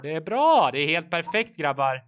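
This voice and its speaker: A man's voice: on the high side, very animated, a bit bright, clean tone, muffled recording. A man coaching his team live over voice chat during a virtual bike race, encouraging riders and calling out watts and turns.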